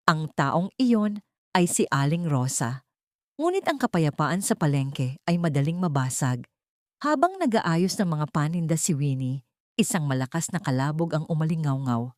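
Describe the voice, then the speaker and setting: Reading from a script, a woman narrates a dramatic audiobook story in a dark, mellow voice that is very low for a woman. The recording is close-miked and very dry.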